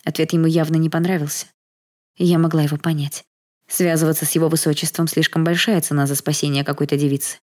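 A woman reading a first-person audiobook in a soft, even storytelling manner. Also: sits low, quick pace.

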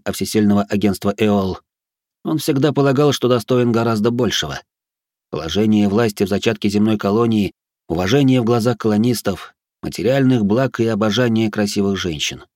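A man reading a first-person fantasy audiobook in a steady, measured way. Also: lowish voice, no room sound, clean studio sound. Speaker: audiobook narrator. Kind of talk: scripted first-person narration.

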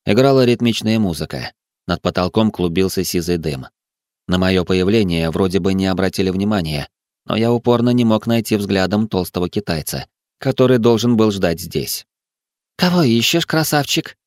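A man narrating a first-person audiobook in an even, steady way. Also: deep voice, normal speed, no room sound, clean studio sound.

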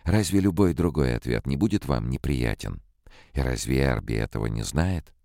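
A man voicing a sharp, mocking woman robot psychologist in an audiobook, his deep voice pushed higher. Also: expressive, normal speed, gravelly, no echo, studio quality, full character voice. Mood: scornful. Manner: mocking, cutting.

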